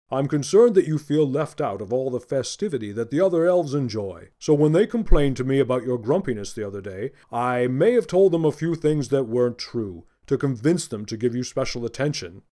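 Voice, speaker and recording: Male storyteller as jolly old Santa for kids' audiobook. Warm dark tone, lively swoops, gentle and kindly. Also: medium pitch, close to an everyday voice. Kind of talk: children's audiobook character voice.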